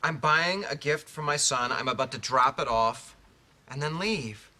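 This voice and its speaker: A man's voice: mid-range voice, a little slow, sharp tone. An actor playing an anxious new father who speaks in a dry, hesitant way in a sitcom. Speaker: sitcom character. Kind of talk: sitcom acting.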